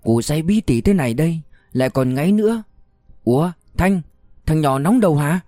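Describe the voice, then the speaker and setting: A man's voice: on the high side, animated, normal speed, warm tone, dry recording, clean studio sound, voice pushed up, natural voice. A man voicing a talkative older rural aunt who chatters and scolds. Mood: fretful scolding.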